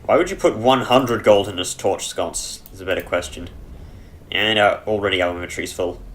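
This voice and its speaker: A let's-play gamer, a man with a lowish, slightly bright voice, rambles casually over a dungeon game through a headset mic, sounding chesty, clearing his throat, and cracking dry jokes. He talks briskly, with slight background noise.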